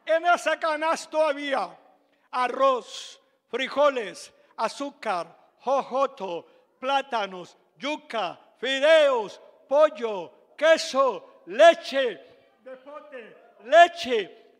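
An older man with a Venezuelan accent, a pastor telling a personal testimony in a sermon, dramatic and emphatic with bursts of shouting. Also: very high-pitched, animated, drawn-out words, long reverb tail. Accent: Venezuelan Spanish.

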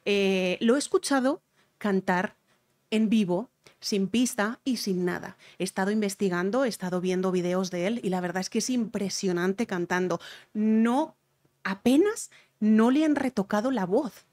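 A woman's voice: mid-range voice, moderate pace, a little mellow. A woman with a Spain Spanish accent, a vocal coach reacting to a music video and explaining singing technique, repeating her key points.

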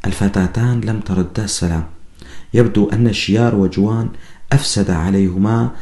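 Low-voiced man narrating a novel. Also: mellow. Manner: measured storytelling. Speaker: author reading his own novel. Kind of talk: audiobook narration. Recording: echoey room.

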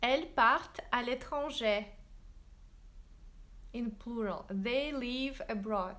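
A woman teaching French in a livestream, drilling verb forms slowly and switching into English to explain. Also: a little high, a bit bright. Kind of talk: livestreamed language lesson. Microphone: phone livestream.

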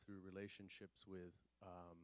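A man in his fifties standing in an audience with a handheld mic, challenging the panel in a measured way with hesitant fillers. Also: low voice, flat delivery. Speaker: program staff asking a question. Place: conference room audience.

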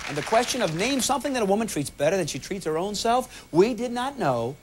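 A man hosting a game show, teasing and joking with contestants over a loud studio audience. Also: sits high, very animated, fast, very noisy. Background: loud studio crowd.

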